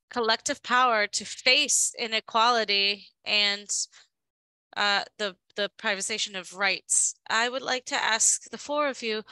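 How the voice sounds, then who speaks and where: A woman giving a live interpretation of a panel discussion, halting and often restarting her phrases. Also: a little high, pushed and bright, smooth, dry recording, low-quality recording.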